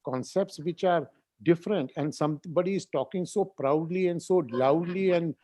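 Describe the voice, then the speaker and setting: A senior neurosurgeon, insistent and lecturing in a heated panel discussion, repeating phrases for emphasis. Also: male voice, fairly high pitch, moderate pace, mellow, no room sound.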